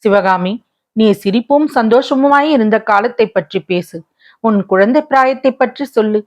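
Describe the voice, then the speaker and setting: A woman's voice: a little high, moderate pace, close to an everyday voice. A woman voicing a tender, coaxing young prince. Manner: gentle, coaxing questions.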